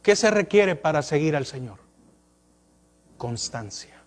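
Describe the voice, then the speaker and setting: A man's voice: high-pitched, expressive, a little slow. A male pastor preaching a sermon, asking the congregation question after question with rising and falling emphasis.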